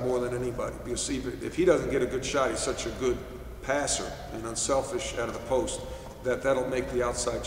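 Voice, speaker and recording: Gravelly middle-aged guy from new york, coach answering press questions, lots of ums, echoey room, mic a bit far off. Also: medium pitch. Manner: measured, many fillers and restarts. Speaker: head basketball coach. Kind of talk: postgame press conference answers. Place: press room, seated at table. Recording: echoey room, distant mic, faint hiss.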